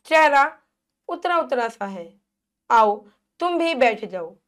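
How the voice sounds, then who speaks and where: A kindly visiting uncle gently asks after a quiet, hungry girl, read by a woman reading a story aloud. The voice is high, soft and concerned. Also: big pitch swings, takes it slowly, heavily acted.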